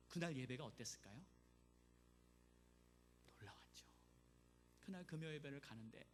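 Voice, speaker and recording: A man preaching a sermon as pastor, telling a story with animated emphasis in a church sanctuary. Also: high-pitched. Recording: church hall reverb, faint noise.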